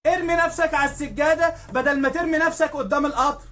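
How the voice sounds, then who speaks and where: Egyptian male preacher, very high voice, quick chatty sermon that keeps checking in with listeners. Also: steady tone, a bit bright. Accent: Egyptian Arabic. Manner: storytelling, keeps asking "right?". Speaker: sheikh preacher. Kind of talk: conversational sermon.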